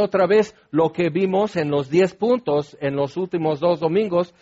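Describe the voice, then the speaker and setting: A high-voiced man preaches a sermon. He explains scripture in a relaxed, conversational way and adds asides to his listeners. The recording sounds dull and lo-fi. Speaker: pastor.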